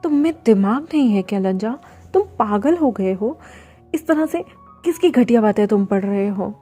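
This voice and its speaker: A hot-tempered young husband, read by a woman who scolds and nags in exasperation. The voice is mellow and mid-pitched, told like a storybook. Faint music plays underneath. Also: lively intonation, moderate pace, close to an everyday voice. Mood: scolding. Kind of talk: storybook fan-fiction reading.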